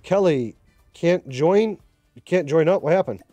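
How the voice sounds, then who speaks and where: A man chats through a casual live stream, fired up and repeating himself as he rallies his viewers. His voice sits a little high with a mellow, relaxed tone. Faint music plays behind him. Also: unhurried, no echo. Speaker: mobile game live streamer.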